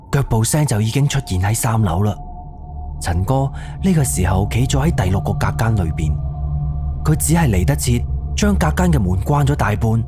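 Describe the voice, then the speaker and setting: In the style of a scripted radio drama, a man with a fairly low voice narrates a suspense tale over clear background music.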